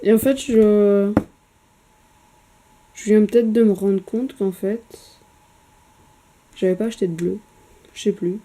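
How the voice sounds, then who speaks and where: Very dark-voiced woman, hesitant and chatty. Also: mid-range voice, fairly even intonation, slow pace, pauses often. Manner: hesitant, many fillers, chatty, swears casually. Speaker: miniature painter. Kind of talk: casual painting vlog. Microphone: camera mic.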